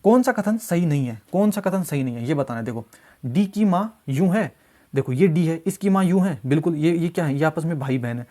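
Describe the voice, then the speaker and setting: A man's voice: on the high side, lively intonation, fairly quick, mellow. A man teaching exam reasoning questions, working through each step and often checking that students follow. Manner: repetitive, coaxing, keeps asking "samjhe?". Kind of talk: solving mock test questions step by step.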